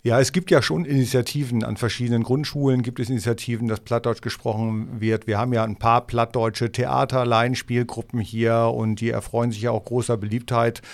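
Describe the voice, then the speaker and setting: Gravelly-voiced North man chatting. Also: fairly quick, few pauses. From East Frisia, northern Germany. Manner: relaxed, frank, mixes in Low German words. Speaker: editor-in-chief and podcast guest. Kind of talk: casual podcast chat.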